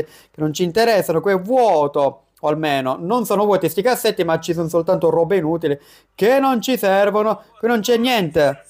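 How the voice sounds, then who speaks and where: A young man giving chatty, excitable let's-play commentary as a gaming YouTuber, breaking into quick panicked yelps. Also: high-pitched.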